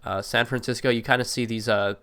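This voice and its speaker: Here a mid-range male voice, slightly stuffy from allergies, runs a little fast with a pushed, bright, smooth sound and a steady tone. He's a gameplay creator rambling casually through a city-builder, stumbling into fillers and correcting himself often.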